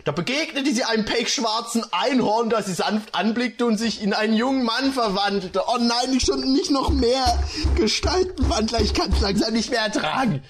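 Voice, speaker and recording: A man's voice: very high voice, moderate pace, hardly any pauses, crowd noise. A man reading bad fan fiction aloud and mocking it with sarcastic comments.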